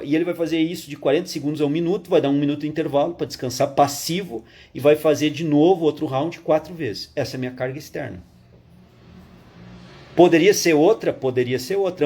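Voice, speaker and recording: A man teaches a live fitness course. His voice is husky and sits a little high for a man. He talks casually, using slang and rhetorical check-ins with his audience. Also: dark tone. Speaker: physical education instructor. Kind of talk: live online course lecture.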